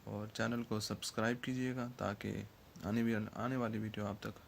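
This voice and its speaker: Man, Quran recitation teacher, patient, gravelly voice, faint hiss behind. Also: fairly low pitch, level tone. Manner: patient, repeats "theek hai ji" after each point; drawn-out letter sounds. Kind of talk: online lesson.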